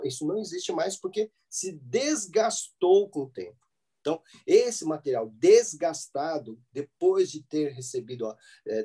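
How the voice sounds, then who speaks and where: A man's voice: fairly high pitch, mellow, breathy edge. A man with a Brazilian Portuguese accent teaching a church theology class, explaining step by step and often checking in with his listeners. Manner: explanatory, with frequent "né?" and "tá?" check-ins.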